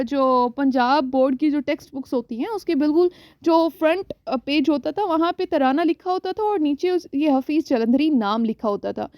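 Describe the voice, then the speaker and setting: Woman, Pakistani Urdu accent, young adult, high voice, exam revision lecture, slow English prompts with Urdu explanations, dry sound. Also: no room sound, highs cut off. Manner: reads English questions slowly, then explains in Urdu, repeating "theek hai". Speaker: exam prep teacher.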